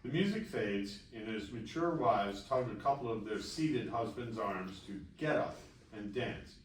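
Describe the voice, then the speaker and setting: At a festival table read held in a room, a man reads a screenplay's stage directions aloud as narration. His voice sits on the low side and is expressive, with a measured pace, captured by a distant mic in an echoey space with faint noise.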